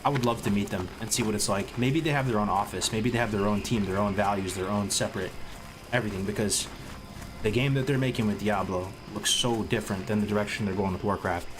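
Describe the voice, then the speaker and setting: Talking fast in a fairly low voice, a man on a livestream chats with viewers while sounding congested and sniffly. His sentences ramble and restart, thick with gamer slang, and the background is noisy with music playing clearly.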